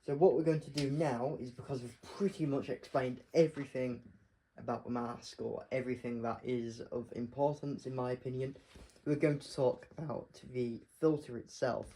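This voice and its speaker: A man giving a casual explanatory review, speaking haltingly as he spells out details piece by piece. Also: medium pitch, steady tone, mellow, breathy edge, poor audio. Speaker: product reviewer.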